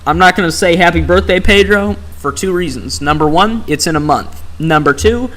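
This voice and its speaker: A man's voice: high-pitched, moderate pace, a bit bright. Sarcastic young man streaming a game. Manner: chatty, sarcastic, reads chat aloud. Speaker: live streamer. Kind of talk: casual gameplay commentary. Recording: faint background music.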